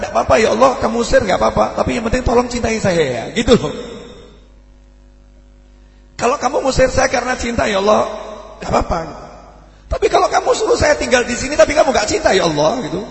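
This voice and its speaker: Male preacher, Javanese accent, animated sermon voice, roomy echo. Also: sits high. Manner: animated, asks the audience questions; mixes in Javanese phrases. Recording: echoey hall with long reverb.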